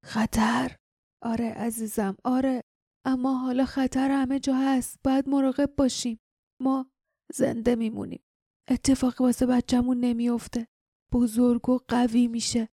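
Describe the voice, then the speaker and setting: A woman narrator voicing an injured, dazed man who murmurs faintly and haltingly in an audiobook. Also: on the high side, level tone, warm tone, dry recording, clean studio sound, voice pushed up. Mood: faint tender. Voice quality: weak, murmuring. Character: dazed injured man murmuring weakly to his lost love. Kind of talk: audiobook character voice.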